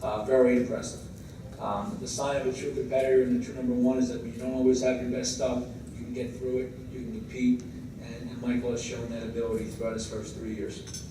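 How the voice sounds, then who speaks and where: An American man, a head coach giving a semi-scripted tribute speech in a halting way, moving between read-out praise and informal asides. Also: mid-range voice, little pitch movement. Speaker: high school baseball head coach. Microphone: distant microphone. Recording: very echoey room, distant mic, clear background noise.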